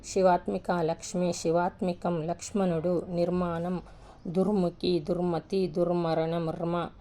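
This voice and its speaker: A woman teacher slowly reading a word list aloud, one word at a time, and explaining how each should be read. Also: on the low side, level tone, warm tone, slight background noise. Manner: slow, deliberate, reads each word separately with pauses.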